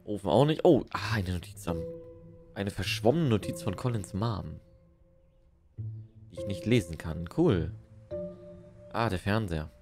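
A woman's voice: extremely low pitch, animated, unhurried, pauses often, music in the background. A woman livestreaming a video game, reading the text aloud and adding playful, muttered casual commentary.

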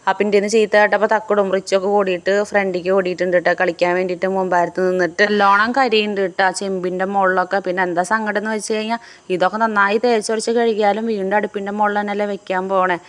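A young pregnant woman from Kerala, narrating her family vlog in a chatty, homely way. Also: mid-range voice. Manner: chatty, homely, adds tag words to sentences. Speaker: family vlogger.

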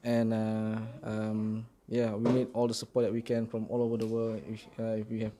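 Middle-aged man from Singapore, even monotone, hesitant, handheld mic in a small prayer room. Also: on the low side, moderate pace, noisy background. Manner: steady, hesitant with many ums. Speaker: mosque founder. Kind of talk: casual interview answers. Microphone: handheld mic held by interviewer.

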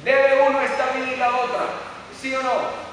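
A man's voice: extremely high pitch, completely flat delivery, moderate pace. A middle-aged man giving a motivational seminar talk, telling stories and firing rhetorical questions at the audience. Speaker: seminar speaker. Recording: echoey hall from far off.

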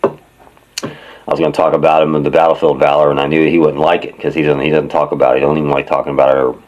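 Retired marine guy talking to his channel, super deep voice, lots of ums. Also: little pitch movement, a little mellow, muffled recording. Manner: plain-spoken, halting with fillers. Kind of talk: casual talk to camera.

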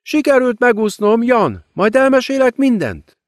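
A man's voice: extremely high pitch, big pitch swings, dry recording, studio quality, voice pushed up. Man putting on a gloating female demon queen. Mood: sweetly false. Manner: mocking, gloating.

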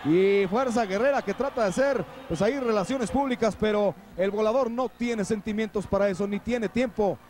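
Mexican guy as wrestling commentator, high voice calling lucha libre live, bit of arena noise behind him. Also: normal speed, hardly any pauses, a little mellow. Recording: noisy old TV broadcast, arena ambience.

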